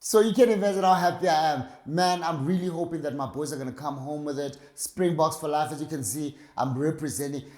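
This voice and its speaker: A man's voice: fairly high pitch, a little fast, hardly any pauses, darkish tone, roomy sound. A man hosting a casual interview, upbeat and joking, teasing his guest. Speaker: host.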